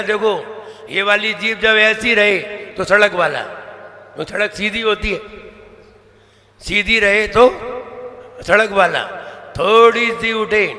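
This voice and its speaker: High, bright-voiced man chanting in a hall. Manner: slow, emphatic, drills syllables one by one; switches between brisk explanation and drawn-out chanting. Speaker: Jain monk teaching verse recitation. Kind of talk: pronunciation lesson with chanted verses. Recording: long reverb of a large hall.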